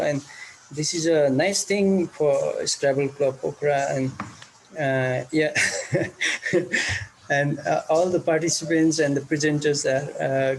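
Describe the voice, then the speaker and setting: Nepali guy on a video call, slow and hesitant, lots of uhs, bit of hiss behind. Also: on the high side, rough recording. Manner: halting, many fillers and restarts. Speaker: teacher and club organizer.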